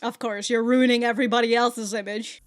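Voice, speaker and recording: A reaction video host speaks in a fairly high, flat voice that's clear and resonant, moving at a fairly quick clip. She reads anime subtitles aloud and reacts casually, using lots of slang, swearing, and exclamations.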